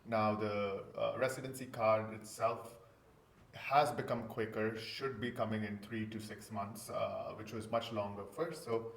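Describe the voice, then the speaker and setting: A man from India, a golden visa client, speaks casually as an interview guest in a room with a roomy echo. His voice is fairly low, gravelly and level, and he talks a little slowly.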